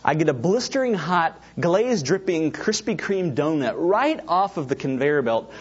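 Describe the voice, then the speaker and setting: Animated husky-voiced male pastor preaching. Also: a little high, a little slow, dull audio. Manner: animated storytelling with asides to the congregation. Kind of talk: sermon with personal stories.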